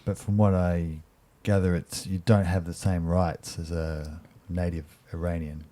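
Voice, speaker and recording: A man, an interviewer asking gentle, probing questions and giving frequent affirmations. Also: sits low, flat delivery, measured pace. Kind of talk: casual interview.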